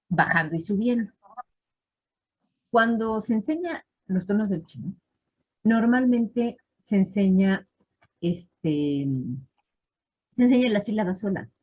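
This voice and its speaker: A woman teaches a live online class, patiently checking in with her students. Her voice sits low and sounds somewhat husky. The audio is dull and lo-fi, like a computer mic on a video call. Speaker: language teacher.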